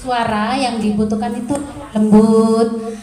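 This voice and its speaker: A woman's voice: on the high side, fairly even intonation, measured pace, warm tone, roomy sound, soft background music, poor audio. A woman teacher adding her explanation in a group discussion, searching for words and using many fillers.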